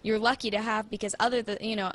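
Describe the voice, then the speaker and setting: A woman's voice: mid-range voice, level tone, fast. Curious young woman asking questions. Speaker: daughter of the host. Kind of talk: casual chat.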